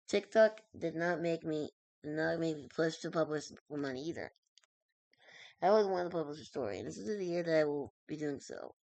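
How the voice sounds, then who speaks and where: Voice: medium pitch, a little mellow, no room sound, rough recording. A streamer reading a web story aloud, stumbling over words, correcting themselves and dropping in casual asides.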